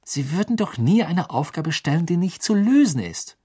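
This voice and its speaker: A man's voice: fairly high pitch, big pitch swings, moderate pace, darkish tone, breathy edge, pitched above the performer's own voice. A man voicing an earnest, bookish teenage witch girl who insists and lectures in a raised, urgent voice, for an audiobook. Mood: insistent.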